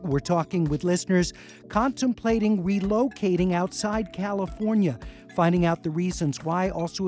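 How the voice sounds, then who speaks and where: A man in his sixties hosting a call-in radio talk show in a chatty, relaxed way, with easy laughs. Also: high-pitched. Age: 60s. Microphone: studio microphone, dry sound.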